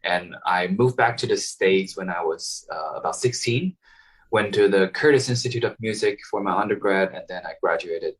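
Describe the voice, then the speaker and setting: A man's voice: sits low, normal speed, a little hiss or hum. A young man, answering interview questions casually and hesitantly, with many fillers and restarts. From Taiwan. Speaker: guest violinist. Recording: voice heard from a distance.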